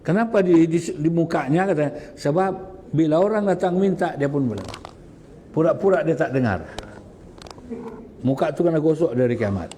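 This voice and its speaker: Mellow-voiced man giving a religious lecture. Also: on the high side, moderate pace, big-room sound, a little hiss or hum. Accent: Malay, Sabah. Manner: recites Arabic verses then explains, asks rhetorical questions. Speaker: religious teacher. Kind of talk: Islamic lecture explaining Quranic verses.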